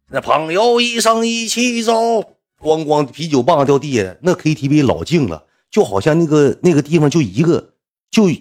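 A man's voice: on the high side, a little mellow. A man with a Northeastern Mandarin accent telling a casual spoken anecdote, rambling and repeating himself with lots of fillers. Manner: rambling, repetitive, full of fillers. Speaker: storyteller.

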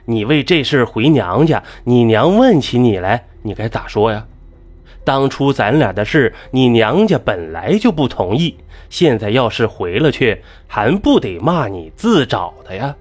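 Young village husband, coaxing, pleading, storybook, male reader, lively pitch. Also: a little slow.

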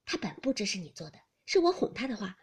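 A woman voicing a gentle, tactful young maid who coaxes and explains softly. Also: mid-range voice, very animated, quick pace, husky, exaggerated voice. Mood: coaxing.

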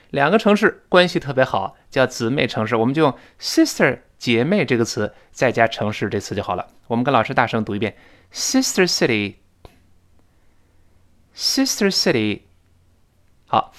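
A man leads a recorded English lesson. His voice is clear and resonant, and his pitch rises and falls in an animated way. He repeats phrases slowly for listeners to copy. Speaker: English teacher.

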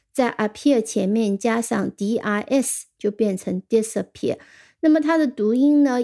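Mellow-voiced woman teaching English words. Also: on the high side. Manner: reads English example sentences slowly, then explains them; ends phrases with the filler "啊". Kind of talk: radio vocabulary lesson.

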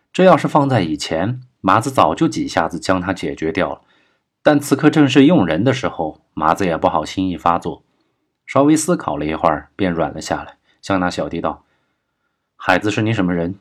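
A man narrating a crime novel as an audiobook, reading in a steady, measured way. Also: fairly low pitch, husky.

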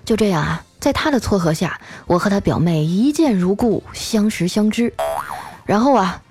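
A woman hosting a show of funny stories, chatty, tacking a drawn-out filler onto her phrases. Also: mid-range voice, animated, a little mellow. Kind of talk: comic storytelling.

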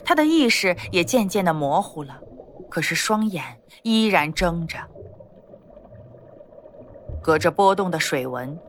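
A woman narrating a novel as an audiobook in an expressive storytelling manner. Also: on the low side, measured pace, long pauses, slight background noise. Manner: expressive storytelling, lively intonation.

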